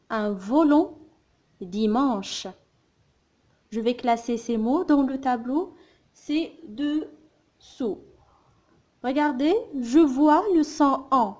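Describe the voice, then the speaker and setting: Woman teacher, fairly high voice, drawn-out phonics drill, very slow. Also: a little mellow. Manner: sounds out words slowly, repeating syllables. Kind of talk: slow, careful phonics lesson.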